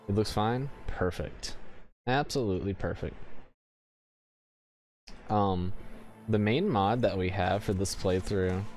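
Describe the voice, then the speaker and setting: Low-ish guy rambling through a let's play, lots of ums, game music in the back. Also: a little mellow. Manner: rambling, filler-heavy. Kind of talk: casual gameplay commentary.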